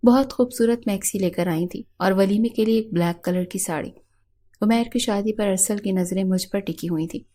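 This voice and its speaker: A woman narrating a romance novel in the first person, with steady, measured storytelling. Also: medium pitch. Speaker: audiobook narrator.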